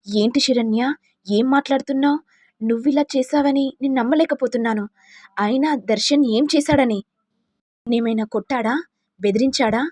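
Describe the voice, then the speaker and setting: A woman's voice: on the high side, normal speed, long pauses, darkish tone, dry recording, natural voice. A woman voicing a stern but caring mother-in-law in an audio story, questioning insistently. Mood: pressing.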